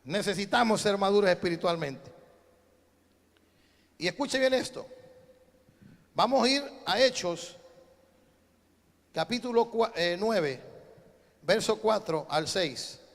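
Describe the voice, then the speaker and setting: Male pastor, high gravelly voice, preaching with call-and-response, echoey hall. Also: animated, slow pace, pauses often. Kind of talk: sermon.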